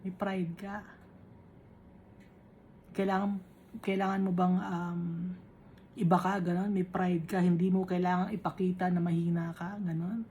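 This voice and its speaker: A woman preaching, reading Bible verses slowly and explaining them in a chatty way, often asking "right?". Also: fairly low pitch, little pitch movement, mellow, slight background noise. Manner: Taglish, reads scripture slowly then explains conversationally with tag questions.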